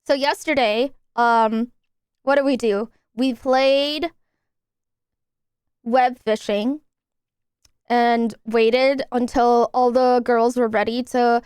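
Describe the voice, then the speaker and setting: Young woman streamer, high smooth voice, upbeat and chatty, a little stuffy from nose surgery. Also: fairly even intonation, takes it slowly, pauses often, darkish tone, no echo, studio quality. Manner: chatty, upbeat, bubbly when thanking subscribers. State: recovering from nose surgery, swollen. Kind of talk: casual live-stream chat.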